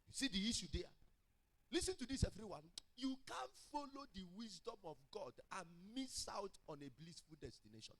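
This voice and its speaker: A male pastor preaching a sermon, emphatic, repeating key phrases and swinging between loud and hushed. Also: high-pitched, big pitch swings, brisk, low-quality recording.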